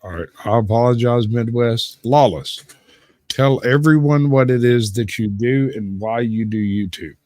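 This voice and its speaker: A man's voice: medium pitch, a little slow, mellow, no room sound. A man hosting a casual group livestream, bantering freely and swearing as he goes. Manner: profane, bantering. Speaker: livestream host. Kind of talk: casual group stream chat.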